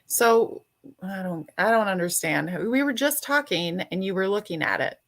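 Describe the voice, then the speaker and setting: A woman's voice: mid-range voice, animated, moderate pace. An older woman hosting a casual livestream chat, playful and teasing as she greets viewers by name. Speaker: livestream host.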